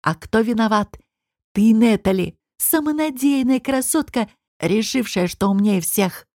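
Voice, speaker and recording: A woman's voice: on the high side, expressive, unhurried, a little mellow, no echo, clean studio sound. Woman reading a growling, sarcastic male official. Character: male court official, irritable, mocking.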